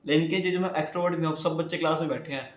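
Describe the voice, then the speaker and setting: A man's voice: fairly high pitch, steady tone, rapid-fire. Chatty young Indian man, echoey room. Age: young adult. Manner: chatty, rambling, addresses viewers as guys. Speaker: YouTuber. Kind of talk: casual vlog talk.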